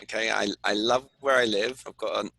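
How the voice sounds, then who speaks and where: Bright-voiced British-born man on a video call. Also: lowish voice, steady tone, brisk, creaky, dry recording, low-quality recording. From Britain. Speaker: guest. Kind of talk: casual video-call chat.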